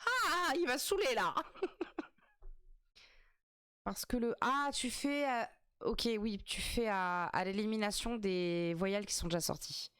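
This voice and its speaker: A woman's voice: mid-range voice, animated, measured pace, pauses often, fairly bright tone, smooth, no echo, studio quality. A woman streaming live, reacting to a game show in casual chat, joking with her viewers and swearing often. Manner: chatty, swears, laughs often, jokes with chat.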